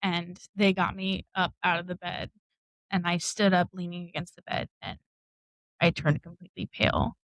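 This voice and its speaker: A woman's voice: lowish voice, level tone, normal speed, no room sound, low-quality recording. A woman co-hosting a podcast, telling a personal story in a candid, blunt way, swearing and laughing often. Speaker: podcast co-host. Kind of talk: casual storytelling.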